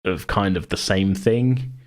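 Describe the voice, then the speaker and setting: This is a man with a very low voice, chatting loosely as a podcast host about a game he runs. He meanders and muses aloud at a measured pace.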